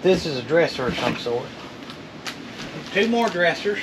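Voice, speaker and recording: Very animated yet a little slow, a vlogger in his thirties with a slightly high voice jokes and teases folksily while talking to his camera. He's in a metal storage unit, and the camera a few feet off picks up a noisy, distant sound.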